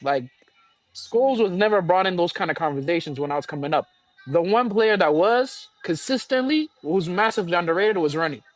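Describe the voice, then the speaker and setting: A man's voice: sits high, animated, brisk, no echo. A man from Sudan in a heated casual debate, insisting on his point and tacking "bro" onto his lines. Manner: insistent, keeps adding "bro". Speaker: stream panelist.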